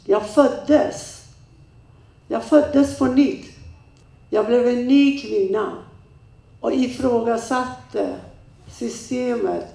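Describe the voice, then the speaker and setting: A middle-aged woman and women's rights activist delivering a personal testimony from a stage, telling it in slow, halting, emotional phrases. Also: a little high, creaky, darkish tone. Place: stage in a large room. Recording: echoey room, speaker far from mic.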